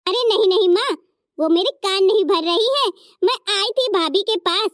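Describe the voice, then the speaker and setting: A woman's voice: very high-pitched, moderate pace, dry recording, studio quality. A woman voicing a kind teenage sister-in-law in a cartoon story, who speaks up earnestly for her brother's wife. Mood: pleading. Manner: earnest, pleading.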